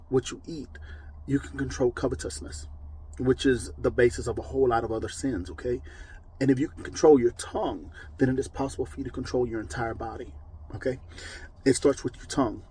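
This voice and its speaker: Mellow-voiced man giving casual Bible teaching. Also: mid-range voice, a little hiss or hum, poor audio. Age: adult with children. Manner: conversational, with frequent "okay?" and "um"; emphatic, moralizing. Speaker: preacher.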